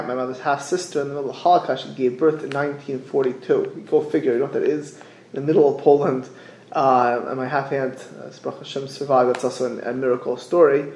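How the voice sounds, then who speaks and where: A middle-aged man with gives an informal religious sermon, haltingly repeating phrases and posing rhetorical questions. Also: mid-range voice, a little mellow, slight background noise. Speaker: rabbi giving a religious class. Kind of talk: informal sermon, explaining texts with anecdotes. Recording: echoey room.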